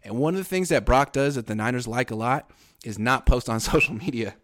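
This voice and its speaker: With slight background noise behind him, a thirtysomething man co-hosting a casual sports talk podcast speaks at medium pitch and a fairly quick pace, wry and emphatic and prone to mock quotes.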